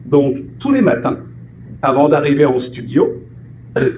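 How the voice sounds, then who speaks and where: A Frenchman of Martinican heritage, a voice actor and singer, appears as a guest in a casual interview, telling stories about dubbing and acting out the lines he quotes. His voice sits on the high side with big pitch swings, unhurried and a little mellow. The audio is dull, with a faint hiss or hum.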